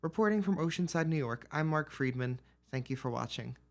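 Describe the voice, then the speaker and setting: A man's voice: a little high, expressive, a little fast. A male news reporter reading a scripted report narration.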